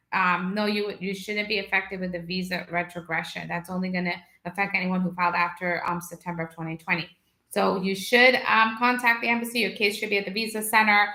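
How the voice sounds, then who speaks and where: A woman from Guyana, a lawyer hosting a live video question session from her office, answering viewers briskly and reading out phone numbers slowly. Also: mid-range voice, sharp tone, roomy sound, rough recording. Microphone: video call setup.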